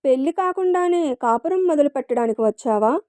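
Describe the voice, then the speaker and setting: A woman's voice: high voice, animated, brisk, warm tone, no room sound. A woman reading as a brash, rude drunk young man. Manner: blunt, mocking.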